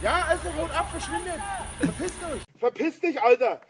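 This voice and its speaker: A man from Germany shouting and cursing at visitors outside his own property in a heated argument. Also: very high voice, expressive, normal speed. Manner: shouting, swearing, aggressive. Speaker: homeowner confronting visitors. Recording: crowd of voices behind.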